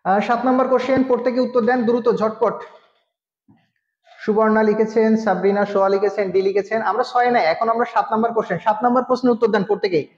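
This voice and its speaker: A man teaches a live online class in a high voice, talking quickly. He walks through each point step by step and keeps putting questions to his students. The sound is muffled and echoes with a long reverb. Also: fairly even intonation. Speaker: nursing exam tutor.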